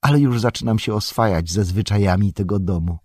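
A man reading an audiobook, voicing an eager, devoted young male hobbit servant in an excited, exclamatory manner. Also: on the low side, fairly quick, no room sound, studio quality, natural voice. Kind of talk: audiobook character voice.

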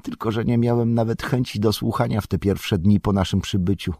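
A man reading an audiobook, voicing an eager, devoted young male hobbit servant in an excited, exclamatory manner. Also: fairly low pitch, brisk, husky, no echo, studio quality, pitched above the performer's own voice. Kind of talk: audiobook character voice.

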